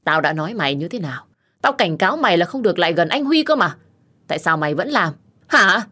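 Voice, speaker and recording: A woman voicing a furious, jealous young woman who shouts accusations at her rival in an audio story. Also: on the low side, sing-song, quick pace, husky, heavily acted. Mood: screaming rage.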